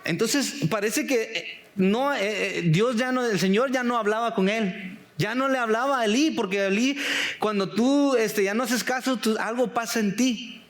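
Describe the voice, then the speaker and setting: A man's voice: high voice, normal speed. A man preaches in a loose, conversational way. He keeps calling his listeners brothers and sisters and throws questions at them. Now and then he slips in English slang. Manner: asks the listeners many questions. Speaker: pastor. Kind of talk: conversational sermon.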